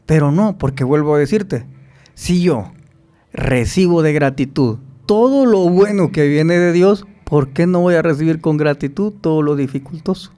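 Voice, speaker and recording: A podcast guest with a slightly high male voice tells stories at a moderate pace during an interview. He's an animated storyteller who acts out the voices of the people he quotes.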